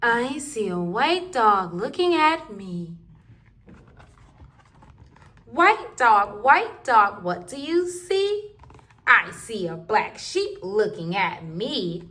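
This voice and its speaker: A woman's voice: medium pitch, very animated, slow, pushed and bright. A woman reading rhyming picture books aloud to toddlers in a sing-song, rhythmic way. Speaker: children's book reader.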